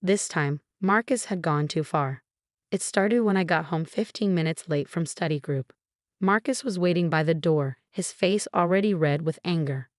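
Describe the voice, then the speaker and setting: A woman narrates a first-person story in a steady, even read. Her voice sits low, and the recording is dry and close, with no room sound. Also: moderate pace, dry recording.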